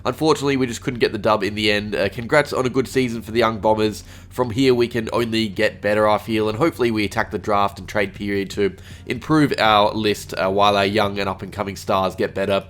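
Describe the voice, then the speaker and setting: Fast-talking Australian man, a bit sick. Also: fairly low pitch, fairly even intonation, fairly bright tone. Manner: rapid, with frequent "uh" fillers. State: a little sick. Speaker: fan channel host. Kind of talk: solo sports review vlog.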